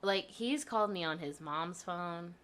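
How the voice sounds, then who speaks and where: Laughing young woman with a bright voice. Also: lowish voice, measured pace. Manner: expressive, laughs often, profane storytelling. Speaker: podcast guest. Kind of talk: casual chat.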